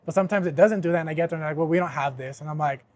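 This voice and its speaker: A young man hosting a podcast, telling a story in casual chat, animated and swearing often, with laughs mixed in. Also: fairly high pitch, rapid-fire, slight background noise. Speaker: podcast host.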